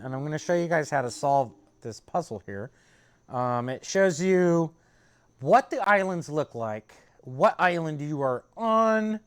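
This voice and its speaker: A man's voice: high voice, slight background noise. A man streaming a video game, chatting loosely with viewers and explaining a puzzle with many fillers. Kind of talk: casual let's-play commentary.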